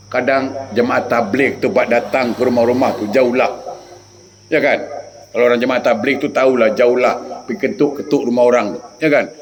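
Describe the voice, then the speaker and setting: A man preaching an Islamic sermon, lively and teasing, with jokes mixed into his admonitions. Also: mid-range voice, a little hiss or hum, low-quality recording. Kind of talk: humorous sermon.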